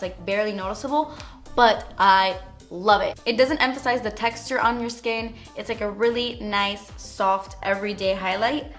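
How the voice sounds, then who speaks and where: A woman's voice: mid-range voice, fairly bright tone. A young woman vlogging a makeup tutorial in a casual, chatty way. She keeps dropping "like" between phrases as she explains each step. Faint music plays in the background. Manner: chatty, frequent "like" fillers. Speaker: beauty vlogger.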